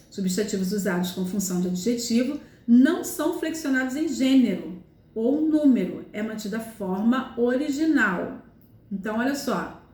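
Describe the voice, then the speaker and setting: A woman's voice: fairly high pitch, darkish tone. Woman teaching grammar, echoey room. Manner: explanatory, repeats examples, frequent "tá?" and "né?" checks. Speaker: Portuguese language teacher. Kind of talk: recorded grammar lesson.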